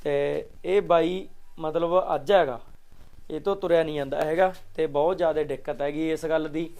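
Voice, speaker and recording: A man's voice: on the high side, fairly even intonation, moderate pace, a little mellow. Man making a pleading appeal. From Punjab, India. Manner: pleading, repeats requests to share and help. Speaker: charity vlogger. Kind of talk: vlog appeal. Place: outdoors at a village home. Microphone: handheld mic.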